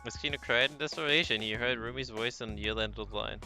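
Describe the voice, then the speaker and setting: A male streamer reads a story game's narration aloud casually and slips in jokes. His voice is very bright and sharp, and quiet game music plays underneath. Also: medium pitch, fast.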